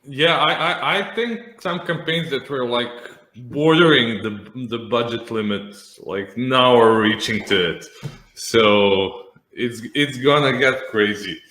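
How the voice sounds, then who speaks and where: A man's voice: medium pitch, takes it slowly, sharp tone. A man from Serbia with a Serbian accent, hosting a casual interview in an informal, hesitant, rambling way. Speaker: host. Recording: echoey room sound.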